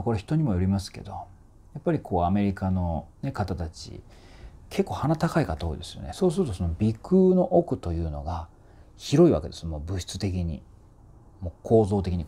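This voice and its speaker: A man's voice: deep voice, very animated, normal speed, mellow, husky. A man working as a voice trainer, explaining singing technique in a chatty, informal way and demonstrating vowel sounds.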